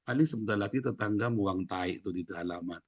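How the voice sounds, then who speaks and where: A man preaching a lively sermon, joking and acting out voices. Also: lowish voice, a little fast, no room sound, dull audio. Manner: animated, jokes and acts out quoted voices. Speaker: pastor.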